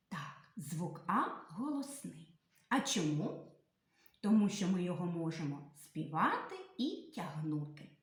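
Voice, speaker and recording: A woman teacher giving a literacy lesson to young children, asking questions, answering them herself and drawing out the vowel sounds. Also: mid-range voice. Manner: sing-song, drawn-out sounds, questions then answers to children. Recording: echoey room.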